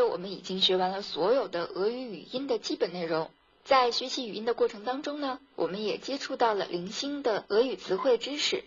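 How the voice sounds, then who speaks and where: A woman teacher narrating a scripted pronunciation lesson, drilling sounds slowly and carefully. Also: a little high, breathy edge, highs cut off. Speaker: language teacher.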